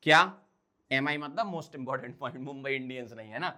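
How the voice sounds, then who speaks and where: A man's voice: mid-range voice, normal speed, bright, forceful tone. A man teaching a chemistry class, who keeps putting questions to the students and answering them himself, mixing in English technical terms. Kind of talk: blackboard lecture.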